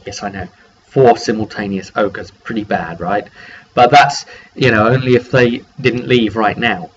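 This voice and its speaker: A man with a mid-range, slightly bright voice gives a game master's recap of a tabletop role-playing session in a one-take vlog. He's casual, rambling and conversational, acting out snippets of dialogue, and the lo-fi sound is dull with clear background noise.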